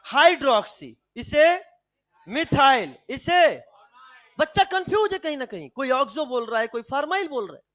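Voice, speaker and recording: Brief: male chemistry tutor, high bright voice, lively lecture style, quizzes and scolds students. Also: moderate pace. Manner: animated, fires rhetorical questions at students; calls students "beta", coaxing and scolding. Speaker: chemistry teacher. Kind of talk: energetic classroom lecture.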